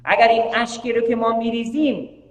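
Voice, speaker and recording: A man with a high voice delivers a sermon in a hall with a long, ringing reverb. He builds his points with rhetorical questions and repeated phrases. Now and then he switches between Persian and English. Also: level tone. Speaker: preacher hosting a live-streamed majlis. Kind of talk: sermon with announcements.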